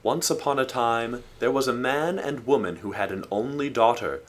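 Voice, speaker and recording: A man narrating a folk tale in a steady, expressive storytelling manner. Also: medium pitch, normal speed.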